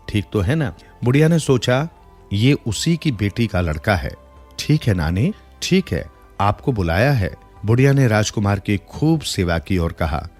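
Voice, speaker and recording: A man narrating a moral folk tale in a scripted storytelling style, changing his voice for the characters' lines. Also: lowish voice. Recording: soft music bed behind the voice.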